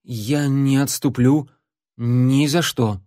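A man's voice: medium pitch, takes it slowly, mellow, no echo, clean studio sound, close to an everyday voice. A man voicing a frightened boy who blurts out defiant words in an audiobook. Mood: determined. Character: frightened boy trying to act brave.

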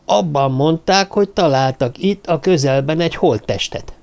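A man voicing a nervous, hushed little dwarf man who brings bad news, in an audiobook. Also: a little high, creaky. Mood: worried. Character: anxious little dwarf man, the group's talker. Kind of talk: audiobook character voice.

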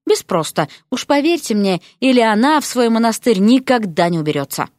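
A woman's voice: a little high, animated, fairly quick, darkish tone, dry recording, lightly acted. Woman voicing a dry male lecturer, curt, wry, decisive, audiobook.

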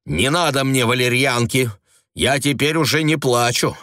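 A man's voice: mid-range voice, normal speed, sharp tone, no echo, clean studio sound, voice pushed up, lightly acted. A man voicing a furious, hysterical young woman who shrieks and rages, in a storybook reading. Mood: agitated. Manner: shrieking, frantic.

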